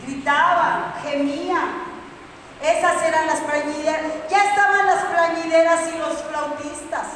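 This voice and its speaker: A woman's voice: high-pitched, steady tone, unhurried, fairly bright tone. A woman preaching a sermon, asking the congregation questions and telling the story with energy. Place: church hall. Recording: echoey hall from far off, faint noise.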